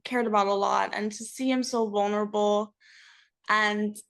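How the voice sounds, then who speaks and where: A woman's voice: medium pitch, steady tone, moderate pace, vocal fry, a bit bright. A young woman chatting casually as an interview guest, candid and reflective. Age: young adult. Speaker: interview guest, reality TV cast member.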